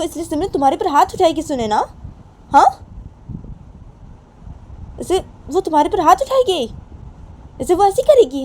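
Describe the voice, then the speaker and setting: A woman voicing an angry middle-aged father who scolds with loud, repeated accusing questions. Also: very high-pitched, a little hiss or hum, voice pushed up.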